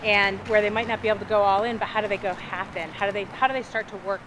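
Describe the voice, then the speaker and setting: A woman's voice: medium pitch, steady tone, quick pace. A woman in her thirties interviewing a colleague with friendly, affirming questions while walking through a park. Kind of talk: outdoor walk-and-talk interview. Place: outdoor city park. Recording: outdoor traffic noise.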